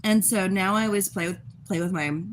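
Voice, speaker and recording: A woman's voice: medium pitch, brisk, slight background noise. A young woman from Texas chatting casually on a livestream, rambling and laughing, just woken up and eating while she talks. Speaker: livestream host.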